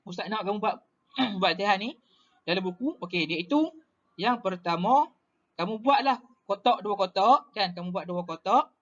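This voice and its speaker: A man's voice: sits high, a bit bright. Male teacher, Malaysian Malay accent, patient and repetitive, often asking whether the pupils follow, slightly muffled recording. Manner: patient, repetitive, checks understanding with questions. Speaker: Arabic teacher. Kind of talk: classroom lesson explanation.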